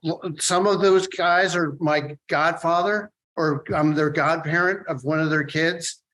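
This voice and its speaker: A late middle-aged man from the Philadelphia area, speaking as a guest in a casual podcast interview. His voice sits a little high for a man, and he rambles, stopping and restarting his thoughts as he goes. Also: fairly even intonation, fairly bright tone, slight background noise, rough recording. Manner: rambling, halting with many restarts. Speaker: guest, artist and sculptor.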